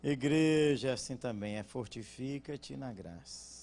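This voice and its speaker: A man with a Brazilian Portuguese accent preaching at a conference, joking with the congregation and asking them to respond, then dropping into quiet, earnest teaching. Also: medium pitch, unhurried. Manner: swings from loud jokes to quiet earnest teaching. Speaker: pastor. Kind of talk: conference sermon.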